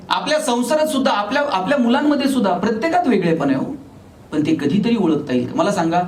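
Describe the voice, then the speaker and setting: A man from Maharashtra giving a motivational speech to a live audience. He tells humorous stories and acts out the dialogue. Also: sits high. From Maharashtra, India. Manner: humorous storyteller acting out dialogue. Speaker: motivational speaker. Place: large hall with a live audience. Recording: echoey hall from far off, faint noise.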